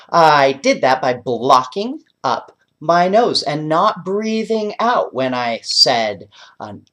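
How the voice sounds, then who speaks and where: Reading a bedtime tale with plenty of expression, this male children's storyteller keeps turning to his young audience with direct questions. His voice sits on the high side.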